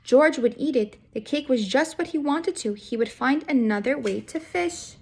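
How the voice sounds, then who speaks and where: A woman's voice: high-pitched, expressive, normal speed, vocal fry, a little mellow, breathy edge. A woman reading a picture book aloud to young children as a teacher would, expressively and with questions put straight to the listeners. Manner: addresses young listeners directly with guiding questions. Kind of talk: children's read-aloud storytelling.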